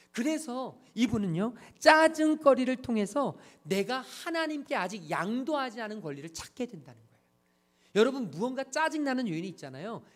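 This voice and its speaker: Male pastor, sermon delivery; high-pitched, very animated intonation, emphatic with rhetorical questions.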